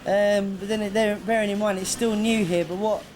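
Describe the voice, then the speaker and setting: Hesitant DJ on noisy tape. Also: male voice, high-pitched, level tone, moderate pace. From London, England. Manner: hesitant, filler-heavy, earnest. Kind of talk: casual interview chat. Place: airport. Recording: noisy location recording.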